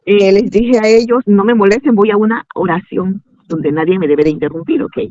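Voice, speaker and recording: An older woman, calling in and telling a personal story, haltingly acting out both sides of past conversations. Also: mid-range voice, mellow, dry recording, lo-fi sound. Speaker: caller asking for advice.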